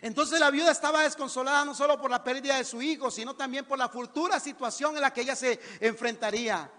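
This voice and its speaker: A man's voice: very high voice, steady tone, quick pace, bright, forceful tone. A man with a Costa Rican accent preaching a theatrical sermon in church, firing questions at the congregation. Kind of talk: lively sermon. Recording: church hall reverb.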